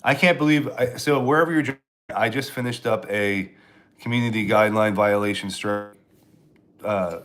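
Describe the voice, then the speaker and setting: A man's voice: fairly low pitch, normal speed, fairly bright tone. A man from Pennsylvania, a stand-up comedian, rambling sarcastically in a casual live stream while answering chat, with frequent restarts.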